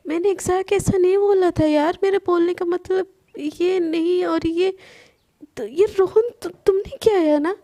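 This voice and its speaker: A woman's voice: extremely high pitch, flat delivery, measured pace, creaky, warm tone, full character voice. A woman doing a hot-tempered young woman in love. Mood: agitated. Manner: frantic, stammering when upset.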